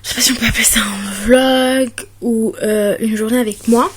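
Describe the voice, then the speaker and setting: A young woman from France talks through her day in a casual home vlog, her voice a little high and husky. She is chatty and self-mocking, full of fillers. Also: fairly even intonation, moderate pace. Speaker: vlogger. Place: home, indoors.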